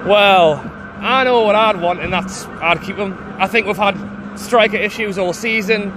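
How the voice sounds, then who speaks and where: A man's voice: high voice, normal speed. A man giving a hedging, thoughtful opinion on the street as a football fan. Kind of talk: casual opinion. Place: outdoors on a city street. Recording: loud street and traffic noise.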